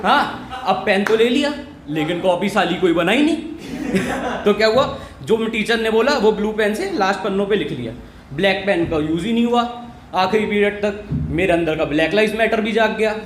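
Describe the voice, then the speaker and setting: High-voiced man telling a stand-up story. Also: expressive, normal speed, echoey room. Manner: acts out quoted voices of teacher and classmates. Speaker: stand-up comedian. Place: comedy stage with live audience.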